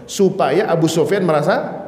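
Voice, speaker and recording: Animated male preacher in an echoey mosque. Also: on the high side, normal speed. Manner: animated storytelling, acting out shouted quotes. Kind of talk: Islamic study lecture. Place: mosque hall.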